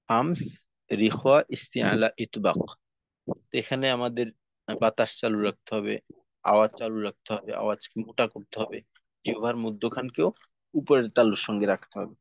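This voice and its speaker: Speaking in a lowish, fairly even voice with vocal fry, this man is a tajweed teacher leading a recorded lesson on pronouncing Quran letters. He explains every step slowly and then has the sounds drilled over and over. There is no room sound, and the lo-fi recording sounds dull.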